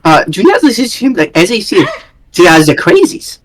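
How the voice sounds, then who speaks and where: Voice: mid-range voice, big pitch swings, brisk. A player voicing a nervous, overly polite gnome doctor who stammers and fawns. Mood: pleading. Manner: fawning and stammering.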